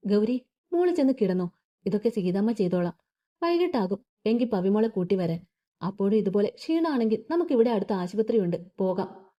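A woman's voice: medium pitch, very animated, brisk, muffled recording, close to an everyday voice. Woman voicing a fussing, caring older woman. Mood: anxious. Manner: fussing, tender.

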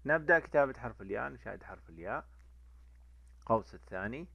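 A man teaching a letter lesson to children, drawing out each sound slowly and repeating it. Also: mid-range voice, gravelly, slightly rough, no room sound. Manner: lively, repeats sounds slowly for young learners. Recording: dull lo-fi dry recording.

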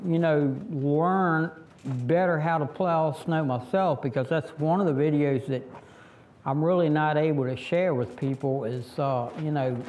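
The tractor vlogger here has a fairly high, slightly mellow voice with a touch of background noise. A middle-aged Southern man from Virginia, he kneels beside his tractor under a fabric shelter and rambles through a casual how-to, full of fillers and false starts, with the camera a few meters off.

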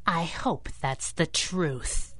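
Sassy low-voiced heroine Kit Baxter. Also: female voice, extremely slow, over loud music. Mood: cool, needling. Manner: teasing, slangy pet names. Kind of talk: 1930s radio acting. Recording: background noise and ambience.

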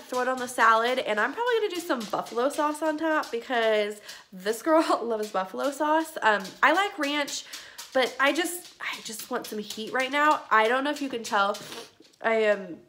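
A young woman vlogging casually about her diet, her voice bright and forward despite a stuffy nose from a cold. She rambles along with plenty of ums and restarts. It sounds like a handheld phone in a home kitchen. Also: a little high. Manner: chatty, rambling with many ums.

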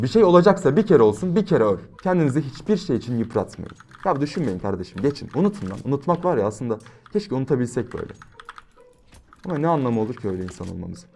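A young gaming YouTuber with a medium-pitched voice commentates his gameplay in a brash, slangy style. He swings between loud outbursts and quiet, reflective motivational talk.

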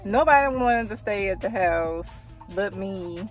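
A woman's voice: mid-range voice, measured pace, music in the background. A woman, chatting casually to her phone camera from inside a parked car. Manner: lively, chatty, teasing. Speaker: vlogger. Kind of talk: casual family vlog. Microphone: phone held at arm's length.

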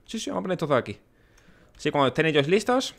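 A man's voice: fairly high pitch, sing-song, racing, vocal fry. A man with a Spanish accent giving casual gameplay commentary, chatty and muttering to himself and to the game characters. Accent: Spain. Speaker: let's play host.

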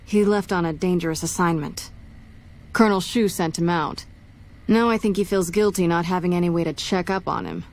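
A woman's voice: on the low side, steady tone, fairly quick, natural voice. A woman acting a dry, no-nonsense military policewoman. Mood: matter-of-fact. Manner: wry, matter-of-fact. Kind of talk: video game dialogue.

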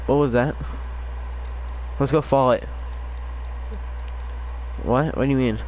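A man's voice: medium pitch, fairly even intonation, measured pace, darkish tone, a little hiss or hum, rough recording. A man playing an online game, improvising role-play banter with a sarcastic, crude joking manner. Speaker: online video game player.

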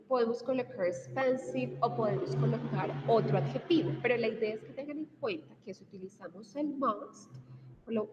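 A woman with a Colombian Spanish accent teaching an English grammar class, explaining step by step, switching between Spanish and English and slowing down to read example sentences. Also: a little high, darkish tone. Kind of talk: bilingual video class lecture. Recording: distant mic in a reverberant room, dull sound, faint noise.

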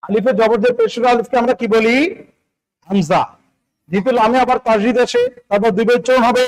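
A man's voice: extremely high pitch, fairly even intonation, brisk, rough recording. A man from Bangladesh teaching Quran recitation step by step, patiently repeating syllables, asking questions and chanting the words drawn out. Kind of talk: spelling-out recitation lesson.

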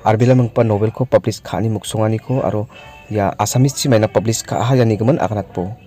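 A man narrating his vlog in a calm, explanatory way. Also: on the low side, fast, soft background music. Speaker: vlogger.

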